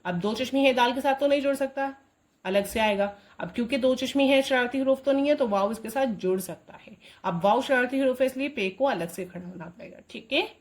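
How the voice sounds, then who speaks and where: Higher-pitched woman explaining a lesson. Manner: checks in often with a rising question; says sample words slowly and with force, repeating them. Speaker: homeschooling mom teaching Urdu writing. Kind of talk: instructional tutorial addressing parents.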